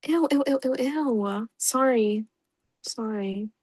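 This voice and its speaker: A woman's voice: a little high, slow, darkish tone, husky, no echo. A young woman giving casual let's-play commentary, chatty and reacting aloud with laughs and groans. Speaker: gaming YouTuber.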